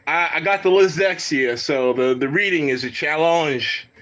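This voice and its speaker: A man's voice: on the high side, normal speed, fairly bright tone. A man giving casual, rambling reaction commentary on a live stream, swearing, laughing and talking to his chat.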